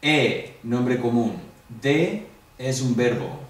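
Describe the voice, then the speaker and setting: A man's voice: medium pitch, lively intonation, very slow. Man teaching a class in an echoey room. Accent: Spanish. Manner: explains step by step, asks the class questions. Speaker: Greek teacher. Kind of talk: classroom review lesson. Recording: echoey room, distant mic, faint hum.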